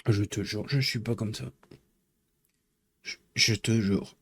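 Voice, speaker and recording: A man's voice: lowish voice, fairly even intonation, takes it slowly, vocal fry, a bit bright, slight background noise. A man chatting casually with his live-stream viewers, rambling and joking as he teases the chat.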